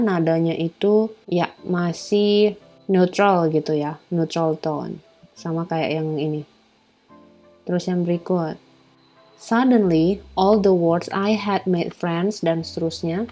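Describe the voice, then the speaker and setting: A woman with an Indonesian accent teaching English in a relaxed online lesson. Her voice is low and mellow, and her unhurried delivery is full of fillers. Soft music plays faintly in the background. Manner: explains in Indonesian with many fillers, reads English words slowly.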